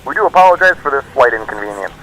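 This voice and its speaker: A man's voice: mid-range voice, expressive, a bit bright, a little hiss or hum, lightly acted, low-quality recording. A man playing an airline captain on the PA. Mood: formal. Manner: formal, measured captain's announcement tone. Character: male airline captain giving a cabin announcement. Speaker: pilot in a flight simulator.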